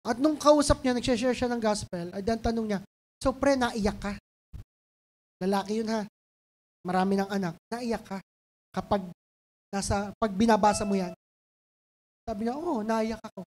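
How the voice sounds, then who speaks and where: A woman pastor with a Filipino accent preaching a sermon, pleading and emotional, building to fervent intensity. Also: on the high side. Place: church stage. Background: soft band music.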